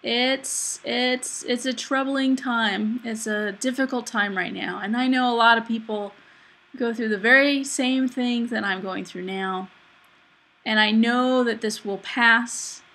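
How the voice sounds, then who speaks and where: A woman vlogger talking confessionally about herself, reflective and halting as she thinks aloud. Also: on the high side, fairly even intonation, pushed and bright. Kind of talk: confessional personal vlog.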